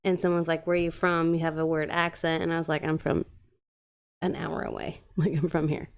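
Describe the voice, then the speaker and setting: A woman from California co-hosting a casual podcast, her voice a little lower than most. She chats freely, nudges the guest with questions and spins off into quick anecdotes. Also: flat delivery, clear, resonant tone. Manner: chatty, prompting, storytelling. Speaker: podcast co-host.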